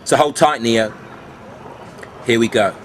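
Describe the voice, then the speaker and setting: A man performing rhyming beat poetry in a cool beatnik manner, with dramatic, drawn-out phrasing, speaking to the listener like a conspiratorial mentor. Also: medium pitch, slight background noise. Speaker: spoken-word poet.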